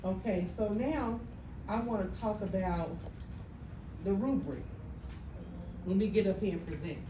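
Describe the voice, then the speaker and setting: Unhurried and mid-range in pitch, a woman instructs a middle school class with emphasis, frequently checking in with students. Background noise fills the echoey classroom, and the microphone is placed at a distance.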